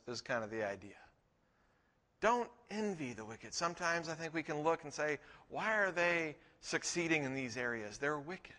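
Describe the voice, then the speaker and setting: A man's voice: on the high side, sharp tone, big-room sound. A middle-aged man preaching a sermon as pastor, in a conversational way with frequent restarts.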